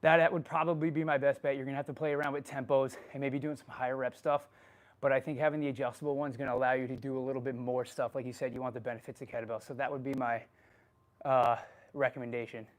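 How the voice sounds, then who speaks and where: A man's voice: mid-range voice, level tone, fast talker. A man answering live chat questions while working out at home, out of breath, casual and swearing freely. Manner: casual and profane, laughing often. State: out of breath from exercise. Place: home workout space.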